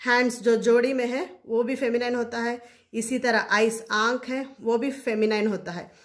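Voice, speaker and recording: A woman's voice: fairly high pitch, fairly even intonation, moderate pace. A woman teaching Quranic Arabic grammar in a casual explanatory lesson, often repeating key terms for her listeners.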